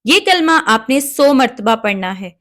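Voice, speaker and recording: A woman giving calm, measured step-by-step prayer instruction and reciting Arabic prayers along the way. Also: a little high. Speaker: religious instructor.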